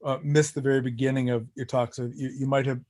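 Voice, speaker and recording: A man's voice: mid-range voice, level tone, quick pace, darkish tone. Brief: man from Wisconsin, audience questioner on a call, polite and apologetic. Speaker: audience member asking a question.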